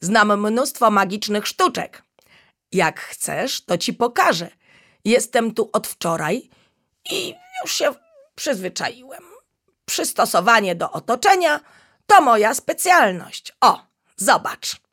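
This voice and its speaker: A woman's voice: mid-range voice, big pitch swings, takes it slowly, a bit bright, voice pushed up, exaggerated voice. A woman voicing a playful, boastful male chameleon who chatters cheerfully in a children's storybook. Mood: chattering.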